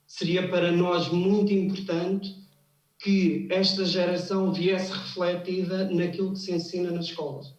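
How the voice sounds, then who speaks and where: Roomy, distant man, somewhat high voice. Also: little pitch movement, measured pace. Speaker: anthropologist guest. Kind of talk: television studio talk. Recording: roomy, distant and slightly dull sound.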